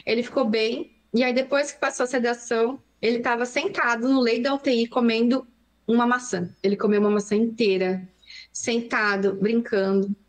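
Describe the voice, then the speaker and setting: A young adult Brazilian woman, a pediatrician, recounting a frightening story in an interview with fast, emotional narration. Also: a little high, steady tone. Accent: Brazilian Portuguese. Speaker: pediatrician guest.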